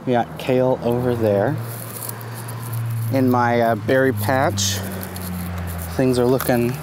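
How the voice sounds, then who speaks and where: A man in his thirties strolls through a sunny garden, talking slowly and casually into a phone held at arm's length. His voice sits at a middling pitch, with relaxed ums and pauses. Passing cars and open-air ambience are clearly heard behind him. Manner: relaxed, easygoing, lots of ums and uhs. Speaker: gardening vlogger. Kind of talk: casual walking garden tour. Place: outdoors in a sunny community garden. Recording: outdoor phone recording with traffic noise. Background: passing traffic and outdoor ambience.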